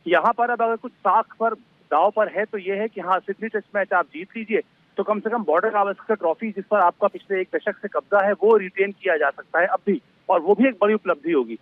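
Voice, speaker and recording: Hesitant male correspondent on a dull line. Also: sits high. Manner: hesitant, many drawn-out fillers. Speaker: news correspondent. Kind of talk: live news analysis.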